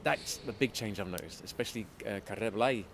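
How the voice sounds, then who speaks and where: A man's voice: lowish voice, a little fast, gravelly. A man chatting casually as an interview guest, self-deprecating and full of restarts. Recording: loud street and traffic noise.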